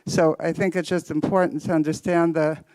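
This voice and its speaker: Measured man, slightly out of breath. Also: on the high side, little pitch movement, darkish tone, no echo, poor audio. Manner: thoughtful, measured, cites theory. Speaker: psychotherapist panelist. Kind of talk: panel discussion comment.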